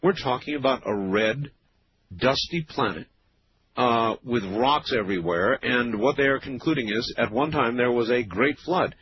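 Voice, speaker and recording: Male talk radio host, smooth broadcast delivery, unhurried and conversational, heard over a muffled lo-fi radio feed. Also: mid-range voice. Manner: relaxed, conversational, with frequent "uh" and "um" pauses. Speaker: late-night radio talk show host. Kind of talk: radio call-in talk show hosting. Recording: dull lo-fi radio broadcast with faint hiss.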